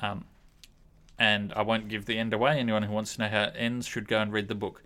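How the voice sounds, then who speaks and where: A man leading a reflective Bible study discussion, speaking in a thoughtful, measured way with frequent pauses and ums. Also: lowish voice, level tone, bright, forceful tone.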